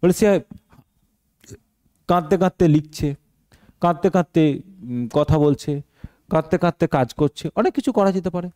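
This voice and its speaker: Male teacher, mellow and slightly high voice, quizzing students as he goes. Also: normal speed, pauses often. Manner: explains step by step, asks the class questions and answers them himself. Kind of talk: translation lesson for exam students.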